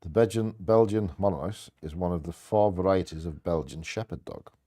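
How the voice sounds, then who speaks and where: Male co-host for bingo, low-pitched and warm, part scripted reading, part offhand chat. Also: normal speed. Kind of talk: reading short fact blurbs with casual asides.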